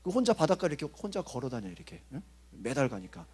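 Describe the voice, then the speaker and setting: A man, a pastor, preaching at a youth rally in a lively, conversational way, acting out inner voices and checking in with listeners. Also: mid-range voice, very fast, husky. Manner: animated, acts out inner voices and asks the audience "어?".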